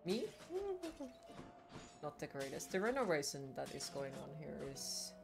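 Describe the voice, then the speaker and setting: Sweary Finnish woman streamer, low voice. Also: lively intonation, a little fast, vocal fry. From Finland. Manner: chatty, sarcastic, swears a lot. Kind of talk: casual gaming stream chat. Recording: game music playing behind.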